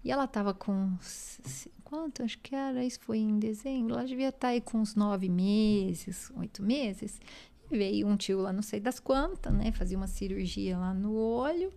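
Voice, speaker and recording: A Brazilian woman speech therapist, a guest explaining child language milestones patiently, ending phrases with quick tag questions. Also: medium pitch, vocal fry, mellow. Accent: Brazilian Portuguese. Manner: explains patiently, constant "né?" tags. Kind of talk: explanatory interview talk.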